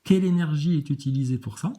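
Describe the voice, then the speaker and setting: A woman's voice: deep voice, fast talker, mellow. A woman ranting at viewer comments in a sarcastic, crude, mocking way, often laughing. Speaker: video host reacting to viewer comments.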